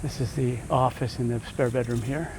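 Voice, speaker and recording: A man's voice: medium pitch, steady tone, moderate pace, gravelly, background noise. Easygoing man giving a home tour. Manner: easygoing, thinking aloud while walking. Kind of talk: casual walk-through home tour. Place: walking through a house, garage and yard.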